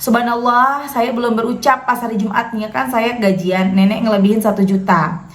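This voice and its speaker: A woman's voice: a little high, fairly even intonation, moderate pace, echoey room. A woman host, reading out a viewer's letter and then reflecting on faith, speaking chattily and often addressing her listeners as friends.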